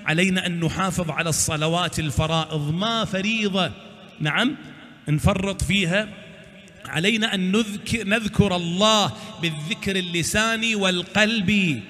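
A man's voice: high-pitched, a bit bright, in a large hall. A man preaching a sermon, exhorting his listeners and answering his own rhetorical questions.

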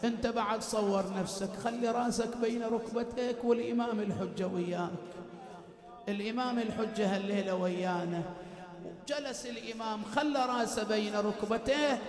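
A male preacher delivers a mourning sermon, moving from storytelling into sung, wailing lament. His voice sits very high. The recording carries a long, roomy hall reverb. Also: fairly quick. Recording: echoey hall.

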